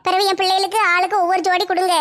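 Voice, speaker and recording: Very high, bright-voiced woman in a village comedy skit. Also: little pitch movement, very fast. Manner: bickering, dramatic wailing. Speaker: skit performer voicing village women.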